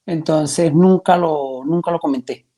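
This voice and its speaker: Speaking a bit slowly in a warm voice on the high side, this testimony guest, a man from Venezuela in his twenties with a Venezuelan Spanish accent, gives an earnest, hesitant account of his faith with many restarts.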